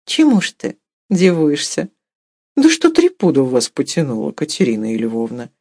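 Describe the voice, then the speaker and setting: A woman doing a smooth-talking young village charmer. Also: deep voice, huge pitch swings, moderate pace, warm tone, no echo, studio quality, exaggerated voice. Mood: flattering. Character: bold handsome young male worker, smooth-talking.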